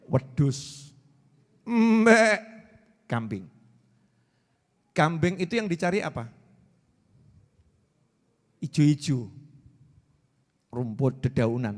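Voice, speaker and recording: Preacher guy, 40s, high voice, jokey sermon, big echoing hall. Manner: playful, repeats words for emphasis, teases the audience.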